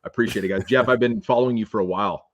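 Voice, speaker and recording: A man's voice: fairly low pitch, very fast. A man talking as a podcast guest in a casual interview, earnest and laid-back with many fillers.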